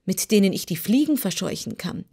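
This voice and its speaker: A woman's voice: medium pitch, lively intonation, brisk, creaky, mellow, husky. A woman voicing a proud, boastful male cab horse who lectures in a pompous way, in a storybook reading.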